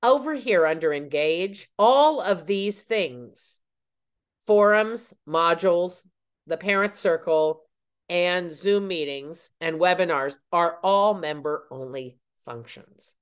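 An older woman, owner of the site, walking viewers through its menus in an unhurried, explanatory way, her phrases trailing off at the ends. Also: lowish voice, animated, clean tone. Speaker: site owner giving a tour. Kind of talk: screen-recorded website walkthrough.

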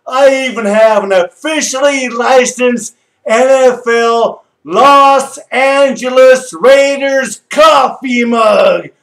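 A middle-aged man with a raspy voice, loudly hollering and singing as a rowdy sports fan in a home video. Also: very high voice, slow pace. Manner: loud, brash, hollering. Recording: echoey room with guitar music.

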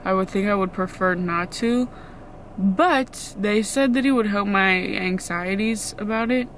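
A woman's voice: medium pitch, unhurried, a bit bright, slight background noise, low-quality recording. A woman in her twenties chatting casually to camera in a blunt, slangy, swear-laden way. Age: 20s. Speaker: vlogger. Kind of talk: casual vlog chat. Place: parked car and a room at home.

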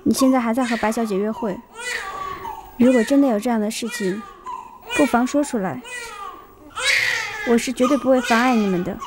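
An actress playing a resentful young wife and mother, speaking quietly and reproachfully in a period TV drama. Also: fairly high pitch, normal speed, long pauses, background noise, lightly acted. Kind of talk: TV drama dialogue. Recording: drama soundtrack with background music.

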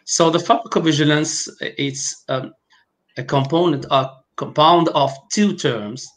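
Halting and full of fillers and restarts, this Algerian man, a native speaker of Arabic and French, is a guest pharmacovigilance specialist on a video call from a room at home for an online interview. His voice runs on the high side, with fairly even intonation and a slightly bright quality.

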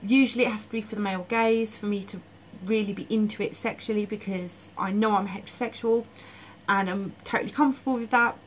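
A woman's voice: mid-range voice, steady tone, quick pace, a little hiss or hum, rough recording. A woman vlogging about her dreams in casual, frank, blunt monologue with frequent fillers.

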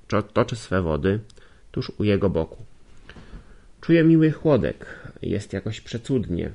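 Low-voiced male audiobook reader. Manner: steady reading with occasional slips and self-corrections. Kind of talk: audiobook narration.

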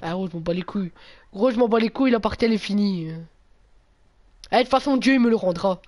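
A male streamer, chatting casually with viewers during a live game, full of slang and swearing, with sudden loud yelps. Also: high-pitched, fast. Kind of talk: casual gameplay livestream chat.

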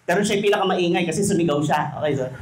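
A man's voice: high-pitched, racing. Filipino man joking with a hall crowd. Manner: jokey, asks the crowd questions. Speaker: speaker at a youth conference. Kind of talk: conference talk in front of an audience. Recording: echoey hall, faint noise.

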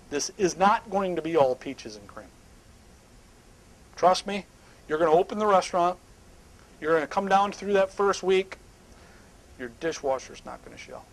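A middle-aged man speaking at a live seminar on a small indoor stage, emphatic and animated, sometimes dropping to hushed asides. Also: high-pitched, low-quality recording.

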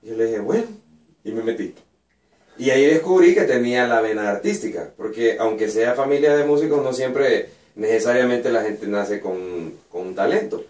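A man's voice: mid-range voice, normal speed, recorded from a distance. A man in his thirties with a Honduran Spanish accent, a singer-songwriter guest telling stories in a small radio studio. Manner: animated, laughs while telling anecdotes. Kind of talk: storytelling interview answers. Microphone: boom mic at a desk, headphones on. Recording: echoey room, voice picked up from afar.

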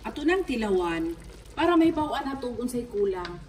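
A Filipino woman in her fifties with a Cebuano accent, casually talking through a home recipe in her kitchen, explaining each step in a relaxed, chatty way. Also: on the high side, brisk, background noise. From Philippines. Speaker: home cook. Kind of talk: casual cooking vlog narration. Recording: distant camera mic, music underneath.

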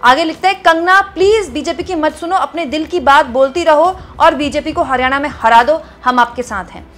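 A woman's voice: high-pitched, moderate pace, fairly bright tone. A woman commentating on political news, reading out viewer comments and chatting to her audience as friends, with frequent hesitations.

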